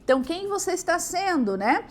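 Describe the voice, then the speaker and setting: A Brazilian woman with a Brazilian Portuguese accent, giving an animated devotional talk from home, sometimes gentle and pleading. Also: extremely high pitch, a little fast, slight background noise. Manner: animated, acts out shouted family quarrels. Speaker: preacher.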